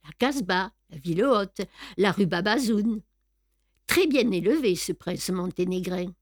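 A woman narrating an audiobook in a measured, expressive storytelling manner. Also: mid-range voice, no echo, clean studio sound.

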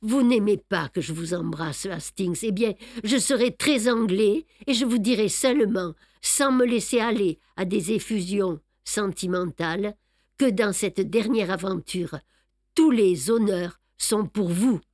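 A woman's voice: medium pitch, a little slow, dry recording, clean studio sound, close to an everyday voice. A woman reading aloud and voicing a fussy, self-satisfied older male detective who boasts of his clever plans. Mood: reassuring. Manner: boastful, explaining, lively emphasis. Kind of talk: audiobook reading.

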